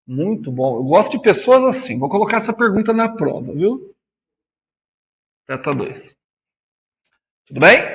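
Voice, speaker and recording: A man's voice: sits high, fairly bright tone, in a large hall. A man teaching physics in a classroom lecture with a Brazilian Portuguese accent, chatty and teasing, calling students by nicknames.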